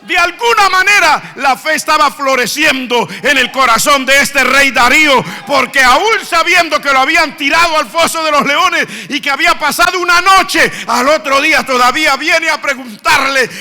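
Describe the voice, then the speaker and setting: A man preaching a sermon as pastor, swinging from hushed storytelling to fervent shouting. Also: very high-pitched, normal speed, hardly any pauses. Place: church sanctuary. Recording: long church reverb.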